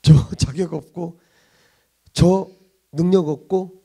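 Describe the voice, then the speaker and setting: High, gravelly-voiced male pastor preaching. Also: steady tone, takes it slowly. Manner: emphatic, rhetorical questions, swings from loud to hushed. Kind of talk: sermon.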